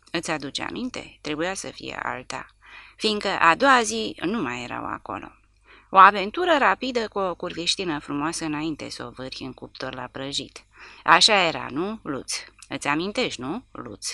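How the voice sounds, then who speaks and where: A woman's voice: deep voice, vocal fry, bright, forceful tone, dry recording, heavily acted. A woman reading aloud, voicing a huge, brutal male corporal who roars and jeers menacingly. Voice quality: roaring, jeering.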